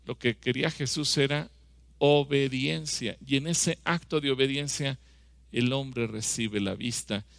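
A man's voice: medium pitch, a little slow, vocal fry, a bit bright, dry recording. A man preaching a sermon with emphasis, acting out scripture dialogue and putting rhetorical questions to the congregation.

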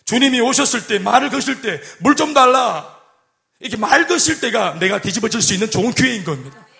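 Fast, animated Korean male pastor. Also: high voice, vocal fry. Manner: animated, acts out quoted voices and jokes with the congregation. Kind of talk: sermon.

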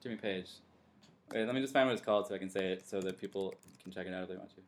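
A man hosting a casual podcast, rambling and often trailing off into quiet mumbles. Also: sits low, rapid-fire, slight background noise. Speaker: podcast host.

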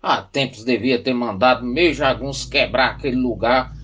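An actor playing a furious, domineering rural landowner in a radio play, scolding and imperious. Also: male voice, medium pitch, moderate pace, fairly bright tone, muffled recording, natural voice. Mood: angry, domineering. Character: furious, domineering rural landowner major, an all-powerful boss.

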